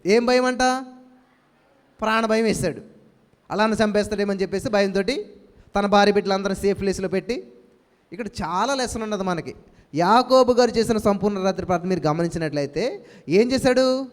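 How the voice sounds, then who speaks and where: A man preaching a sermon as a pastor, firing rhetorical questions and breaking into loud repeated hallelujahs. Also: sits high, brisk, long pauses, big-room sound.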